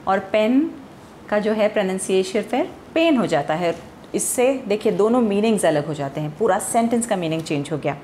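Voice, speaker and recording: A woman with an Indian accent teaching English pronunciation, explaining slowly and quizzing the viewer. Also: medium pitch, expressive, darkish tone, a little hiss or hum. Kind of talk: Hindi-language pronunciation lesson.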